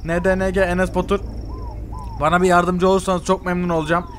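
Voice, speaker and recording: A young man role-plays a game story in fast, excitable, exasperated outbursts. His voice sits high and races along, with faint game ambience behind. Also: noisy background. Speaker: gamer role-playing in a game. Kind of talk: comedic game role-play commentary.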